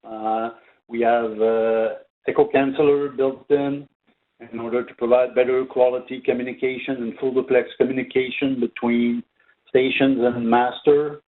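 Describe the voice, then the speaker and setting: Mid-pitched and flat, a man trains viewers on a company's product in an unscripted webinar, his halting speech full of ums. The recording has a thin, telephone-band quality.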